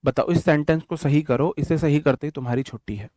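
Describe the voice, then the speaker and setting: A man's voice: fairly high pitch, fairly quick, warm tone, no echo. A young man teaching English grammar in an online class, chatty and direct, counting out examples. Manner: explains in Hindi mixed with English terms, repeats and counts out examples; addresses students directly, casual and chatty. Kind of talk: online exam-prep lecture.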